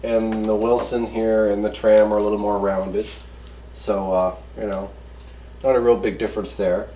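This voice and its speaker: A man hosts a casual hands-on product review, talking in a folksy, rambling, easygoing way. His lowish voice is warm but flat, at a moderate pace, recorded on a distant mic with roomy echo and background noise.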